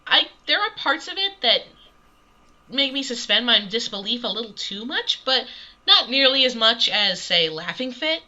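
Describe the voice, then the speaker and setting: Very bright-voiced woman on a dull lo-fi mic. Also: fairly high pitch, big pitch swings, moderate pace. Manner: chatty and agreeable. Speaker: podcast co-host. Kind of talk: casual podcast chat. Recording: dull lo-fi sound.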